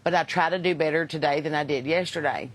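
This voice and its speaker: A Kentucky woman with a Southern US accent hosts a livestream, chatting casually with viewers in a deep voice at a quick pace. She's a singer as well, and her talk is folksy, unpolished and full of wisecracks.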